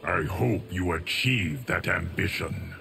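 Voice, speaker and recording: For a video game, a man performs the part of a timeless, solemn and stoic keeper of time, using a low, gravelly voice and formal, measured phrasing. The acting is heavy and expressive, and background noise can be heard.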